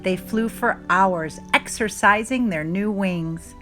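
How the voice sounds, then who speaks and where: A woman reading a children's story aloud in expressive narration with dramatic, deliberate emphasis. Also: medium pitch, faint music behind. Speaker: storybook reader.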